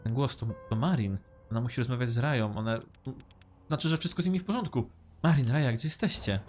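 Male let's-player, chatty and joking, middle pitch, faint game music under him. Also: fast, a little mellow. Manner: chatty, joking, reads game lines aloud. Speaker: let's-play gamer. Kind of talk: casual gameplay commentary.

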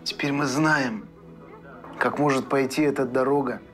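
A man's voice: medium pitch, steady tone, measured pace, over music, close to an everyday voice. A man in his thirties playing an earnest investigator in a naturalistic screen drama. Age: 30s.

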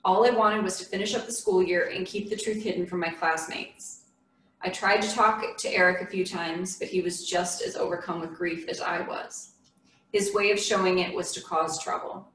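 A woman reading a memoir aloud in a church, in a measured, earnest storytelling voice. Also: lowish voice, steady tone, a little hiss or hum. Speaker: memoir reader. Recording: echoey room from a distant mic.

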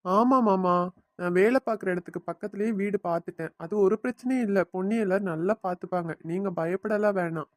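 A woman's voice: mid-range voice, quick pace, dry recording, lightly acted. Woman voicing a blunt, sarcastic young son-in-law. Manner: sarcastic, reproachful. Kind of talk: family cartoon voice acting.

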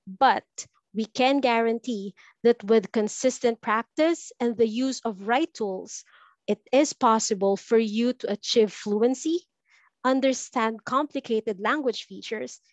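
Hosting a language webinar online, a woman from the Philippines greets participants in an upbeat, welcoming, scripted-sounding way. She has a fairly high, darkish voice and a measured pace, and the muffled video call audio carries no echo.

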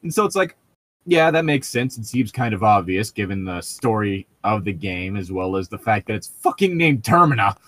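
A man with a lowish voice co-hosts a group read-along show, offering casual chat and mocking commentary that's opinionated, rambling, and full of swearing. His pitch swings widely, his pace is moderate, and his tone is a bit bright. The recording is dry.

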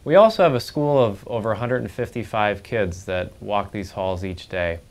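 Earnest lower-voiced pastor welcoming visitors. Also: male voice, normal speed, a little mellow. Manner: earnest, with frequent fillers and restarts. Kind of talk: welcoming church introduction to camera. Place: church office, then large church sanctuary. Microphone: lapel mic.

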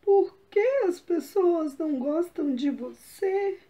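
A woman's voice: extremely high pitch, expressive, slow, heavily acted. Woman doing a kind, wise fox. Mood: gentle. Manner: gentle, coaxing questions. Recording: dull lo-fi recording.

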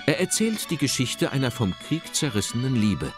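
A man reading scripted documentary narration in a measured, expressive way. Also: mid-range voice. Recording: narration over loud music.

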